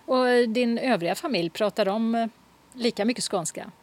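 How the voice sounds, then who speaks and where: A woman interviewer asking short, calm questions in a relaxed conversation. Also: a little high. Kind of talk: radio-style interview questions.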